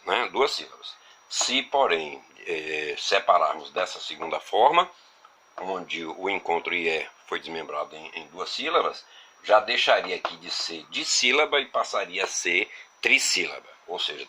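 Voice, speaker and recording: A man's voice: fairly low pitch, breathy edge. A man teaching a grammar video lesson from Brazil, explaining step by step and often rephrasing himself. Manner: lively, explains step by step, frequent "ou seja" and "né".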